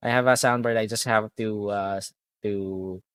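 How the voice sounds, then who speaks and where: A man's voice: fairly low pitch, fairly even intonation, normal speed, background noise. A young man with a Filipino accent, chatting casually on a live stream and reading out viewer comments. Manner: chatty, reads viewer comments aloud, mixes in Tagalog. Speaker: game streamer.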